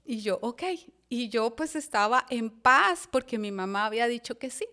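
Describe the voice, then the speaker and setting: A woman, a pastor telling a personal testimony on a podcast, a lively storyteller who voices the people in her story. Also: fairly high pitch, normal speed.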